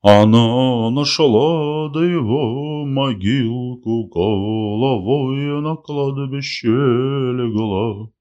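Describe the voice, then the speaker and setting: A man's voice: mid-range voice, drawn-out words, few pauses, a little mellow, highs cut off, voice pushed up. A man doing a drunken lanky worker wailing a sad song. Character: drunk lanky gray-faced male worker, singing.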